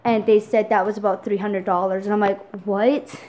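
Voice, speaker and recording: A woman's voice: mid-range voice, flat delivery, normal speed, darkish tone, poor audio. A young adult woman vlogging casually, tearful and rambling, with lots of fillers as she tells a story.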